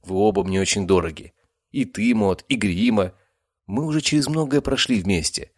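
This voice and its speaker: A man's voice: lowish voice, normal speed, dry recording, studio quality, voice pushed up, lightly acted. A man voicing a firm, caring young nobleman hero who scolds his companions in an audiobook.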